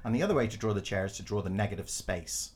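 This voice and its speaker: Lively Glaswegian man telling stories. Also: fairly low pitch, very fast. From Glasgow, Scotland. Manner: animated, acts out quotes, laughs often, swears. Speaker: podcast co-host and design teacher. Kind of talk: casual storytelling chat.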